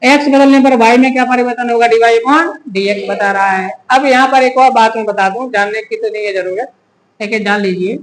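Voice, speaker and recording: A man's voice: very high-pitched, a little hiss or hum. A male physics teacher giving a classroom lecture, who keeps asking the class rhetorical questions and repeating key terms. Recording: echoey room.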